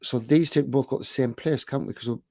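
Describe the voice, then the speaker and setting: A man chatting on a live-stream call, thinking aloud as he builds something on screen. His talk is loose and colloquial, at an ordinary middle pitch. The recording is dry and close, with no room sound. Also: a little fast, vocal fry, darkish tone, no echo. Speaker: chatbot developer guest. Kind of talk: casual screen-share chat.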